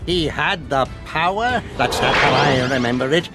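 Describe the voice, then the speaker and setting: A man's voice: mid-range voice, expressive, normal speed, lightly acted. A man voicing a vain, cackling skeletal evil overlord in an advert, boastful and mocking. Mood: gloating. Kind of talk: animated villain ad. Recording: music bed under the voice.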